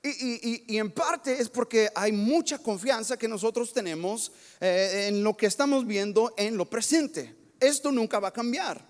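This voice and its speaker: High-voiced pastor in a reverberant church. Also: male voice, moderate pace, few pauses. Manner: lively, self-mocking storytelling with laughs. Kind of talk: sermon with personal stories. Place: church sanctuary.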